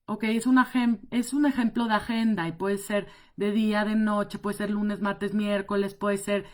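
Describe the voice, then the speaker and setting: A woman's voice: mid-range voice, level tone, moderate pace. A woman explaining visual schedules on a live stream, in a conversational way with frequent repetition and check-ins. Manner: conversational, repeats words and checks in with "ok". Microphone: device mic on a live stream.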